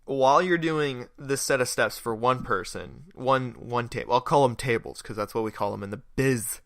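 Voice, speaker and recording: A man's voice: medium pitch, moderate pace, gravelly, a bit bright, no echo, clean studio sound. Young man rambling in casual storytelling. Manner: rambling, laughs often, swears casually. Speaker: podcast host.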